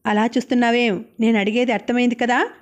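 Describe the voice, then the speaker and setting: A woman's voice: fairly high pitch, level tone, fast talker, natural voice. A woman voicing an ambitious, domineering young husband who talks in a demanding, brusque way.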